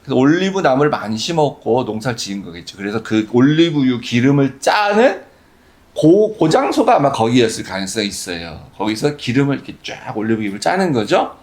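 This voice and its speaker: A man's voice: mid-range voice, sing-song, fairly quick. A man preaching a sermon as pastor, conversational and full of rhetorical questions.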